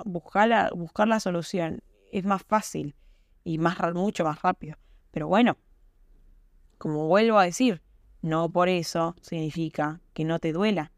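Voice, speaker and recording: A young Argentine woman with a lowish voice hosts a podcast, recorded in studio quality with no room sound. She speaks in a casual, emphatic monologue, throwing in rhetorical questions, with an Argentine Spanish accent.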